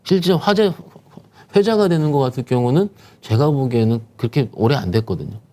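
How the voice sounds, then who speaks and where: Animated, emphatic man explaining the market. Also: mid-range voice, fairly quick. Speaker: securities firm manager, market commentator guest. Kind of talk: explaining stock market conditions.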